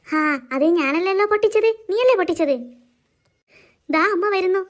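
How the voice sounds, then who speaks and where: A woman's voice: very high voice, lively intonation, moderate pace. A woman voicing a smug, taunting older sister in a cartoon.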